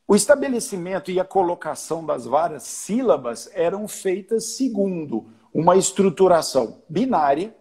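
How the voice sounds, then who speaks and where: A man with a Brazilian Portuguese accent talks through music at length, restarting his sentences as he goes. His voice sits fairly high and sounds husky. Now and then he counts out beats to make a point. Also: a little mellow. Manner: explains at length with many restarts, sings and counts out examples. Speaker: choir conductor guest. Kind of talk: casual chat on a live stream.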